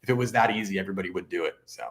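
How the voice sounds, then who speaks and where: A man's voice: sits low, rapid-fire, fairly bright tone. Chatty, sarcastic male livestream host. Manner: chatty, sarcastic asides, frequent restarts. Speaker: realtor hosting a live stream. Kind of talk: casual live-stream commentary.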